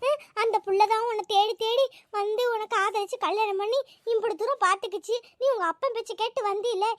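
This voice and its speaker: A woman voicing a sharp-tongued old village grandmother in a cartoon, with a scolding, grumbling manner. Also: very high voice, a little fast, no echo. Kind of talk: cartoon voice acting.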